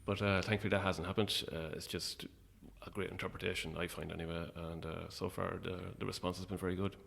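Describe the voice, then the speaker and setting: A playwright and actor, appearing as an interview guest, talks casually and hesitantly about his own creative work, reflecting as he goes. His voice is low, gravelly, and slightly bright, with a level tone and a fast pace.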